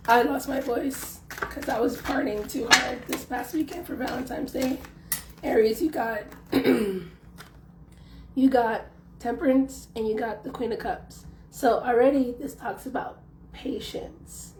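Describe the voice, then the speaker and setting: A young tarot reader chats casually through a reading on a phone mic in an echoey room with faint background noise, leaning heavily on fillers. Her voice is on the high side and a little mellow, but hoarse and worn out as she loses it.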